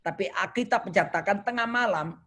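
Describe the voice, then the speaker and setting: A man's voice: high voice, brisk. A man preaching a sermon over a video call, telling stories playfully and asking his listeners questions. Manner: playful, animated storytelling, asks the audience questions.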